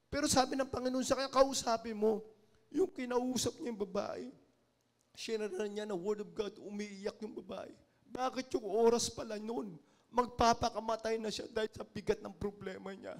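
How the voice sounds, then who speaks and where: Filipino lay preacher, high-pitched man, sermon storyteller, dips quiet then swells loud. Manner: storytelling, acting out quoted voices, swings from hushed to loud. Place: church.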